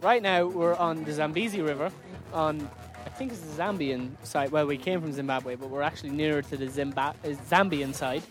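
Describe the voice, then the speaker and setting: A man's voice: fairly high pitch, fairly quick, music in the background. A man co-hosting a travel vlog outdoors on a river boat, talking in an easygoing, playful way. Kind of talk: casual travel chat.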